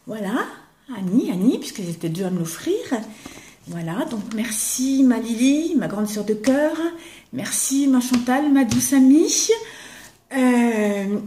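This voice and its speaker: Chatty older Frenchwoman showing her craft gifts. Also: on the high side. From eastern France. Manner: chatty, warm, drops to a whisper when admiring things. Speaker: craft vlogger. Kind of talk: casual chat showing gifts to camera.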